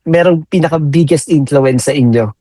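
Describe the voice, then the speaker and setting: An interviewer asking a question slowly and hesitantly. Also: medium pitch, mellow, dry recording.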